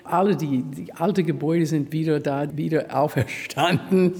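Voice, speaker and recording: A woman opera singer who teaches a master class, speaking enthusiastically in slightly halting sentences. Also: deep voice, a little mellow, in a large hall. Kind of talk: interview remarks.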